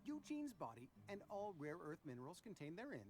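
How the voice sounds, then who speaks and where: A man's voice: fairly high pitch, wildly swooping pitch, a little fast, a little mellow. An actor playing a pompous, wordy, scheming company man in a video game, with formal, long-winded speech. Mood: indignant. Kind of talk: video game character dialogue.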